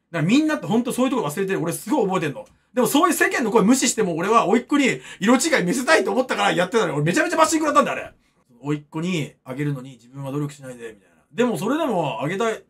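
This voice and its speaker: A man's voice: high-pitched, fairly bright tone, husky. A man in his thirties, a streamer, rambling and joking as he reacts to chat comments in a casual stream. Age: 30s.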